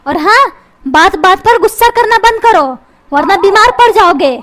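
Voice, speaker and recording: A woman's voice: very high voice, expressive, moderate pace, heavy background noise. A woman voicing a bossy cartoon mother who scolds and threatens her husband and son. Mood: scolding. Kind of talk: cartoon voice acting. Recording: music playing underneath.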